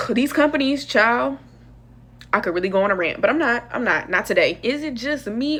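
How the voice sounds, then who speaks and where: A young woman talks through a movie review in a loose, slangy vlog style. She is expressive and chatty, and her voice jumps up and down as she gets into it. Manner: chatty, expressive, slangy, lively pitch swings.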